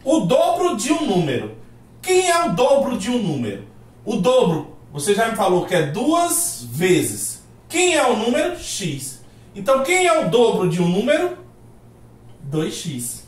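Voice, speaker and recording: A man's voice: high voice, huge pitch swings, unhurried. A man teaching a math lesson, asking rhetorical questions and acting out his students' replies. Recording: roomy echo.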